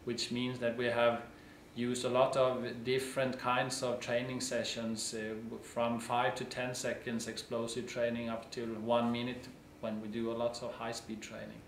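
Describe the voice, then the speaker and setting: Flat-voiced coach in an echoey room. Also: male voice, mid-range voice, normal speed, few pauses, a little hiss or hum.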